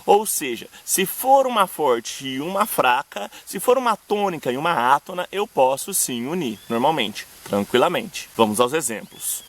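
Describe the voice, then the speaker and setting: Young Brazilian male teacher, slightly high voice, clear explanatory delivery, slows to recite verses. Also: fairly bright tone. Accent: Brazilian Portuguese. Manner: didactic, addresses viewers directly, slows to recite verse examples. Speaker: poetry teacher and channel host. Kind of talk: video lesson on poetic meter.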